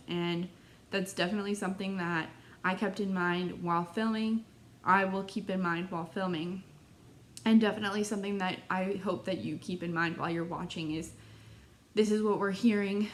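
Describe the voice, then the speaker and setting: A woman's voice: fairly low pitch, a little hiss or hum. A woman student interviewer narrating her project in an earnest, reflective way, often saying "like". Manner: thoughtful, uses fillers like "like".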